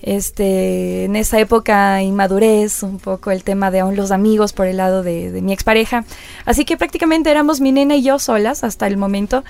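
A woman's voice: fairly quick, gravelly. A woman radio presenter in her thirties telling her story in a casual interview, acting out the dialogue she recalls. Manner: lively, acts out quoted dialogue with rising pitch.

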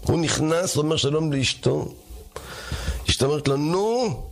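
A man's voice: on the high side, gravelly. A man telling a folk tale aloud, acting out voices. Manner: acts out voices, lively. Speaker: storyteller. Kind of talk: animated oral storytelling.

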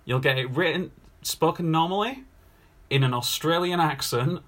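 A man's voice: a little high, normal speed. A man hosting a podcast in casual chat, running a quiz with jokes and teasing. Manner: jokey, teasing, lively.

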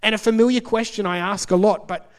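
A man delivers a Sunday sermon in a church, his voice sitting slightly high for a man. He talks conversationally, as if to friends, pausing to stress key words and dropping in asides. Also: fairly even intonation, big-room sound. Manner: conversational preaching with emphatic pauses. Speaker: pastor.

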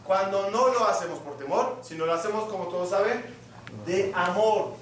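A man's voice: sits high, moderate pace, far from the mic, slight background noise. A man giving a sermon as a rabbi, asking the listeners questions and acting out little scenes to make his point. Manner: asks the audience questions and acts out little scenes. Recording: echoey hall, mic from afar.

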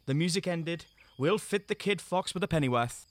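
An actor playing a young courtier who murmurs sly, hushed asides. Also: male voice, on the high side, animated, normal speed, no echo, close to an everyday voice.

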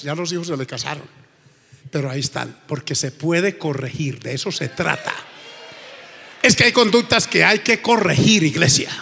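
A man's voice: on the high side, fairly bright tone. A male pastor preaching an emphatic sermon in a church, with frequent praise exclamations. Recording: reverberant church hall.

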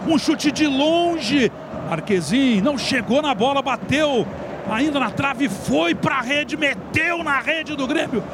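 A man calling football in explosive, shouted goal commentary, with excited drawn-out calls and rapid bursts. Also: very high-pitched. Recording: loud outdoor stadium ambience noise.

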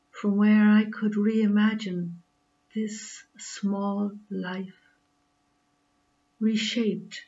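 A woman's voice: mid-range voice, a little mellow. A woman with an Irish accent reading her poetry in a dull, slightly lo-fi recording. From Ireland. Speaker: poet.

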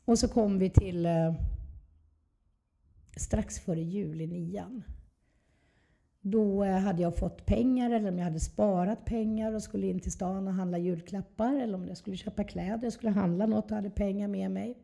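A woman's voice: medium pitch, fairly even intonation, creaky, warm tone. A woman, telling her personal story candidly and reflectively as an interview guest. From southern Sweden.

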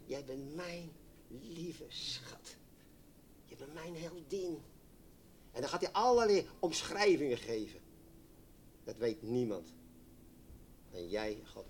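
A man preaching a sermon, swinging from loud exclamations to hushed, near-whispered lines. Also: on the high side, slightly rough.

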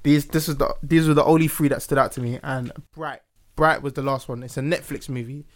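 A man's voice: medium pitch, steady tone, fairly quick. A man hosting a casual chat with friends, laid-back and steering the topics. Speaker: podcast host.

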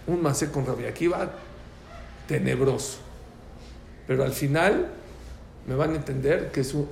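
A man's voice: mid-range voice, creaky, slight background noise. A man teaching a religious prayer class, telling stories and acting out the voices. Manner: animated, acts out voices in anecdotes. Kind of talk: lively religious class with storytelling. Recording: echoey room with faint ambience.

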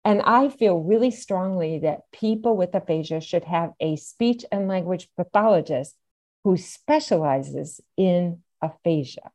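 A woman's voice: on the low side, lively intonation, measured pace, a little mellow. A middle-aged or older woman, explaining things as an interview guest and stressing key points emphatically. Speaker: podcast guest, aphasia advocate.

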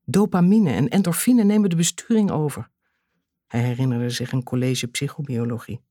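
Narrator for a dark thriller audiobook: husky tone, lively pitch, measured delivery with dramatic pauses, dry close sound. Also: dry recording.

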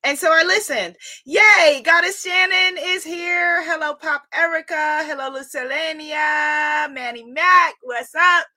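A woman's voice: high voice, measured pace, hardly any pauses, bright, forceful tone, dry recording. A woman hosting a live spiritual talk online, chatting with viewers in an exuberant, effusive way and repeating phrases for emphasis. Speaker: livestream host and spiritual teacher.

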